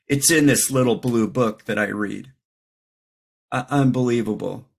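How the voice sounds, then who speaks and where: A man's voice: medium pitch, a little slow, creaky. A middle-aged man giving a candid, reflective personal share at a recovery meeting, with wry self-deprecating humor.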